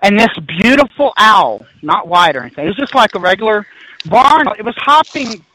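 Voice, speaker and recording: A man telling a personal ghost story in a casual chat, rambling and animated, backtracking and laughing as he goes. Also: sits high, moderate pace, a little hiss or hum, rough recording.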